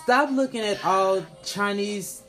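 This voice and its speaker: Blunt, higher-pitched man in casual podcast chat. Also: takes it slowly, noisy background. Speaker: podcast co-host. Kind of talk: casual, profane opinionated chat.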